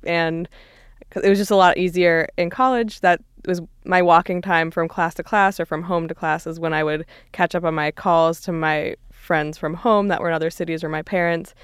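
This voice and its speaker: A woman in her twenties, a guest on a podcast, talking in an upbeat, animated way. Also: fairly low pitch, normal speed, clean tone, no room sound, clean studio sound. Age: 20s. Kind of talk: casual podcast discussion.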